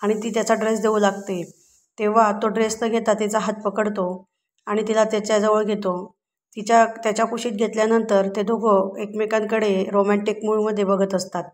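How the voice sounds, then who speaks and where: Woman, Marathi accent, scripted recap narration, monotone, mid pitch. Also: moderate pace. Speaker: entertainment channel narrator.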